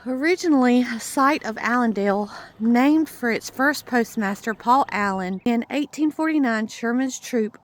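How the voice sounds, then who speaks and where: A woman narrating a local history travel video in a slow, measured, scripted reading voice, recorded as a close voice-over. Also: fairly high pitch.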